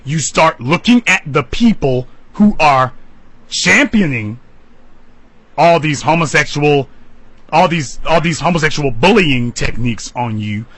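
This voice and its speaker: Guy ranting on talk radio, pitch jumps all over, dry close mic. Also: expressive, measured pace, fairly bright tone, slightly rough, dry recording, rough recording. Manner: emphatic, preachy, leaps high in pitch for emphasis. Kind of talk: impassioned talk radio monologue.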